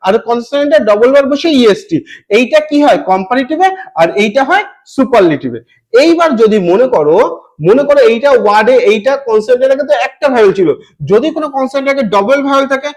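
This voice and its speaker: A young man teaching an exam-prep grammar lesson, repeating each rule and spelling words out letter by letter. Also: very high voice. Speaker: English teacher.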